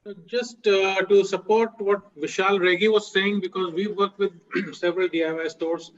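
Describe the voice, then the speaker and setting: A man making an earnest point in an online meeting, with throat clearing and fillers. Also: sits high, level tone, normal speed. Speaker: meeting participant. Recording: dull lo-fi call audio.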